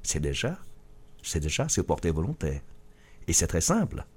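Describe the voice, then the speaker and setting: Earnest man with a low husky voice. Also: huge pitch swings, a little mellow. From Vietnam. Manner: earnest, halting with restarts. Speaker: author and business leader. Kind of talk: radio interview answer.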